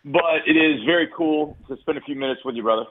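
A man's voice: on the high side, quick pace, breathy edge. A man calling in by phone as a sports reporter guest, chatting in an easygoing, storytelling way and laughing often, his Bluetooth line cutting in and out. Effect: phone call over a Bluetooth line that cuts in and out. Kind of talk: casual sports radio chat by phone.

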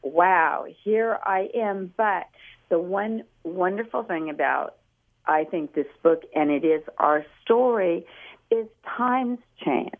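An older woman from California is heard over a telephone line, her voice tinny and narrow. She speaks in a lowish register and tells her stories in a chatty, rambling manner, as a guest author on a phone interview. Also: takes it slowly.

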